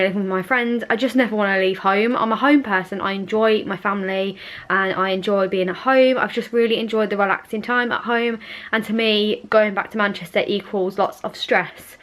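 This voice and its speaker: A woman in her twenties chatting casually to her camera at home, rambling a little and filling pauses with ums. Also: mid-range voice, fairly bright tone, low-quality recording. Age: 20s. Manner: chatty, rambling, many fillers. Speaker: vlogger. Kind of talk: casual vlog chat. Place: at home, indoors. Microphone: camera on a small tripod.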